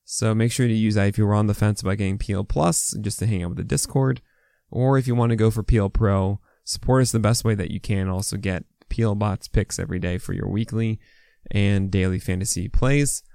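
A man's voice: lowish voice, steady tone, a little fast, vocal fry, mellow, no echo, clean studio sound. An American man hosting a fantasy baseball podcast, talking with a swollen mouth in casual, opinionated, unscripted commentary full of asides.

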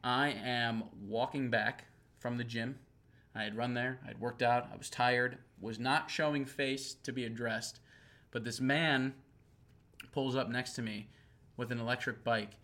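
With a mid-range voice and a measured pace, a podcast co-host tells stories in casual chat. He's an animated storyteller who acts out what people said.

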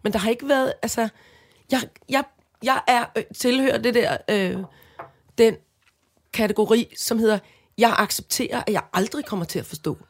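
A woman's voice: a little high, steady tone. A Danish woman co-hosting a podcast, talking earnestly in casual chat with frequent restarts and fillers. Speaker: podcast co-host.

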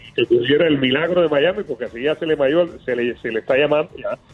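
A man's voice: fairly high pitch, quick pace, soft background music. A man calling in as a team analyst, telling the story animatedly with many fillers and restarts. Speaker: team analyst, guest on phone. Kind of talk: excited phone interview. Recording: tinny phone line.

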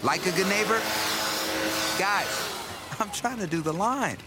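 A man's voice: sits high, animated, a little slow, very noisy. A man playing a friendly, easygoing insurance spokesman in a scripted advertisement. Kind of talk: scripted ad read.

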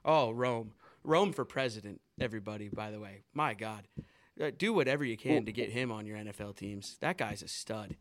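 A man from Seattle hosting a casual sports podcast, excitable, swinging from loud outbursts to mumbled asides. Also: fairly low pitch, brisk. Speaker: podcast host.

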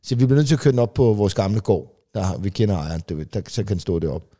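Mellow-voiced man telling rambling stories. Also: on the low side, expressive. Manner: rambling anecdotes with many fillers and restarts; acts out family members in quick, raised voices. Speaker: podcast co-host, comedian. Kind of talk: casual chat, storytelling.

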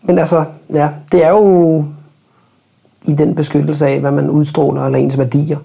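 Husky, gravelly man thinking aloud. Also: on the high side, little pitch movement, warm tone. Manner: reflective, thinks aloud with many tag questions. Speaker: podcast guest. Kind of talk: casual conversation. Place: podcast studio.

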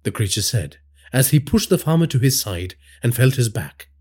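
Brief: a male horror storyteller with a husky voice and dramatic delivery. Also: mid-range voice, normal speed. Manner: dramatic storytelling with lively inflection. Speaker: narrator. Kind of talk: scripted horror narration.

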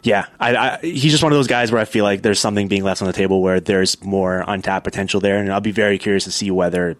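A man hosting a casual sports podcast chat, talking quickly with lots of filler words. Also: fairly low pitch, fairly even intonation, no room sound. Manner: fast, chatty, filler-heavy. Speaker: podcast host.

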